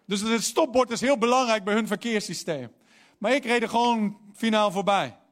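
Preaching in a high-pitched voice at a normal pace, a young man shares a personal anecdote and then rises into emphatic appeals. His sermon is lively, and he mixes in phrases in English.

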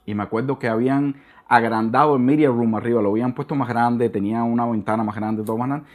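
Fast-talking man telling a church story. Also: mid-range voice. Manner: animated storytelling with many restarts and repetitions; mixes in English words. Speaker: interview guest. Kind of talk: casual testimony interview.

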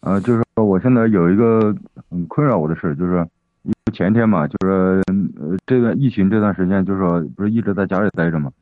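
A man with a low voice phones in to a radio advice program, rambling and hesitant, full of fillers and restarts. He talks fast over a tinny phone line. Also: dry recording. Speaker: caller. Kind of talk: phoning in to a radio advice show.

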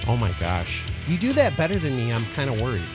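A man's voice: mid-range voice, huge pitch swings, quick pace, over music. A man from the co-hosting a casual chat show, playful and chatty, often laughing. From American Midwest. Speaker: podcast co-host.

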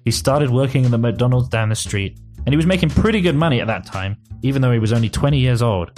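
A man's voice: medium pitch, animated, fast talker, darkish tone, soft background music. A man reading a silly story aloud and chatting about it with a co-host. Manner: reads aloud evenly, breaks into laughter and banter. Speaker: narrator reading a generated story. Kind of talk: comic story reading and podcast chat.

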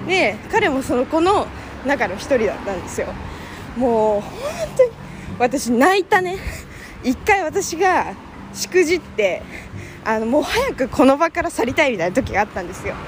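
A woman's voice: high-pitched, sing-song, normal speed. A young woman gushing in a casual, filler-heavy monologue. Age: young adult. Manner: chatty, gushing, lots of fillers. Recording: noisy background with passing vehicles.

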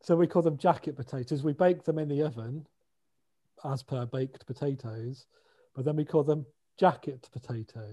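Dry-toned British man, mellow voice. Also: a little high, normal speed. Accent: British English. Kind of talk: casual chat.

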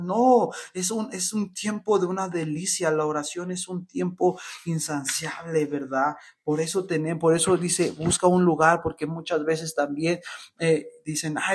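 Husky guy preaching a devotional, passionate, keeps asking "right?". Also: a little high. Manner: passionate, repeats "¿verdad?" often. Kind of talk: devotional teaching.

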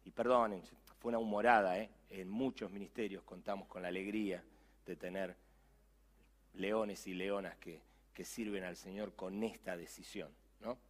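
A man's voice: sits low, steady tone, normal speed. A middle-aged man with a Rioplatense Spanish accent, a youth pastor preaching a sermon with emphatic, conversational asides.

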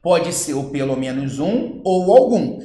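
High-voiced Brazilian man teaching logic. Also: unhurried, echoey room. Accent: Brazilian Portuguese. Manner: lively, acts out student questions in quotes. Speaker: teacher for public exam candidates. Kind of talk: logic lesson with on-screen board.

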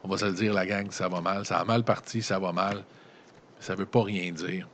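A man's voice: sits low, steady tone, moderate pace, a bit bright, a little hiss or hum. A man with a Quebec French accent reading a gamebook aloud and breaking off into casual, slangy joking asides. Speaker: gamebook reader and player.

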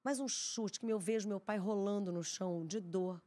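A woman, a podcast guest telling a story in an animated, emphatic way, often repeating herself. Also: mid-range voice, normal speed. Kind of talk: casual chat, storytelling.

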